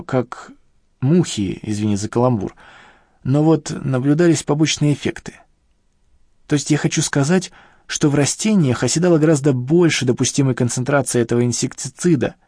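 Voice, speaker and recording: For an audiobook character, a man lifts his darkish, near-everyday voice to play a rueful old male professor who grumbles and complains defensively. The recording is dry and studio-clean.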